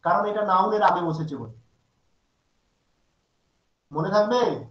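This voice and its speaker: A man's voice: high voice, expressive, slow, fairly bright tone, reverberant, dull audio. A man teaching English grammar in an online class, stopping often to ask his students questions. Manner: asks students frequent check questions. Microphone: video call.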